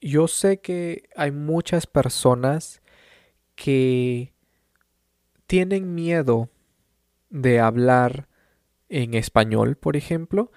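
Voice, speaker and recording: In this unhurried teaching monologue, a man from Peru speaks in a mid-range voice, calm and reassuring, and adds short English glosses now and then. He lets every phrase settle before continuing. The sound is dry and close-miked, free of echo.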